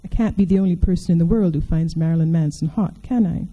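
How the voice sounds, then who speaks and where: Woman speaker giving a talk, wry and chatty, dark mellow voice. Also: fairly low pitch, fast talker, rough recording. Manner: wry and conversational, asks the audience questions. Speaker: speaker addressing an audience. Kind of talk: public talk with a reading from a novel.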